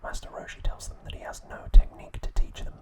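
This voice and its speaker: Whispering breathily without voicing, this man hosts an ASMR channel and reads scripted material in a calm, measured, soothing way.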